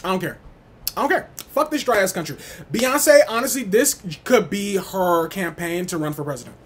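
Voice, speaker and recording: A man's voice: sits high, animated, normal speed, a bit bright, husky. A man ranting wildly and casually as a music reviewer, sassy and slangy, swearing and repeating himself for emphasis. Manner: wild, over-the-top ranting with emphatic repetition. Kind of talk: unhinged casual rant ranking album tracks.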